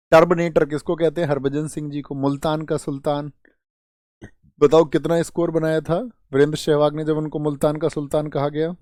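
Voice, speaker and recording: A man's voice: on the high side, a little mellow, no room sound, studio quality. A young adult male teacher running an online exam-prep class, quizzing students by asking questions and answering them himself, sometimes scolding with exasperation. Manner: quizzing, asks then answers his own questions.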